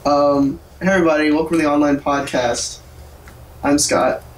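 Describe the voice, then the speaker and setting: A man's voice: fairly high pitch, steady tone, moderate pace, echoey room, poor audio. A man hosting a podcast in a casual, chatty style. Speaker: podcast host. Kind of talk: casual chat.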